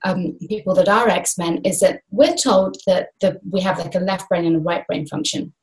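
Talking at a normal speed in a voice on the low side, a guest speaker in her thirties joins a laptop video call from a small room. She's animated and casual, both hands sweeping wide as she speaks. Captured by the laptop webcam, the audio is rough.

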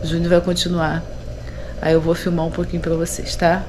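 In a house under renovation, a hoarse Brazilian woman in her thirties vlogs casually from a phone at arm's length, her throat sore. She talks fairly quickly in a fairly low monotone with a Brazilian Portuguese accent, frequently addressing viewers, and the room is echoey with clear background noise.

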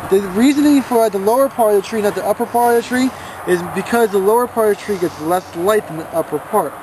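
A young man working at a plant nursery, explaining evergreen care outdoors in an unhurried, explanatory way. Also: high-pitched. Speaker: nursery worker. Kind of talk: outdoor product demo and tips. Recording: outdoor camera audio with clear background noise.

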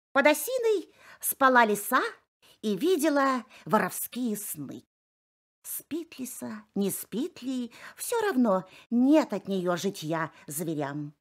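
A woman reading a bedtime fairy tale aloud in a slow, expressive storytelling manner. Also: medium pitch.

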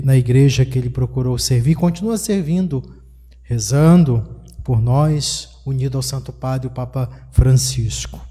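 Middle-aged Brazilian priest in a reverberant chapel. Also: male voice, mid-range voice, warm tone. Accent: Brazilian Portuguese. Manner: measured liturgical delivery with slow drawn-out prayers. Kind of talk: leading a livestreamed Mass. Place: small chapel, indoors. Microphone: stand mic on the altar.

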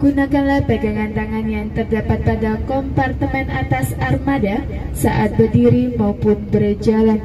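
A woman's voice: a little high, steady tone, moderate pace. A woman giving a polite, formal scripted passenger announcement in the manner of a flight attendant, recorded inside a coach. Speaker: bus flight-attendant-style stewardess. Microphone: phone in a seat, far from speaker. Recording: distant cabin speaker with music behind.

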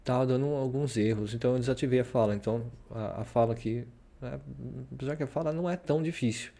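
A man's voice: medium pitch, quick pace, dark tone. A man from Brazil talking casually about his study routine while sharing his screen, rambling and tagging "né?" onto many sentences. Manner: rambling, full of "né?" tags. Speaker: vlogger. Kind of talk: casual screen-share talk.

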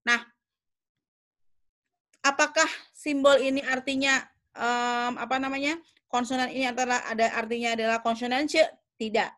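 Young female teacher, slightly raised pitch, patient, self-correcting, checks in often. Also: level tone, moderate pace, pauses often, fairly bright tone. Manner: thinks aloud with fillers and self-corrections. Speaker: English teacher. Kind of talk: online class explanation.

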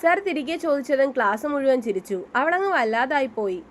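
Lady narrating a story, bit high voice, faint hiss behind. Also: expressive, normal speed. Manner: reads all the characters' dialogue in her own voice.

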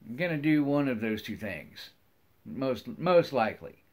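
A middle-aged hobby vlogger with an American accent talks to his viewers from a wood-paneled room in his home, rambling folksily and repeating himself often. His medium-pitched voice is sing-song, a little mellow and unhurried.

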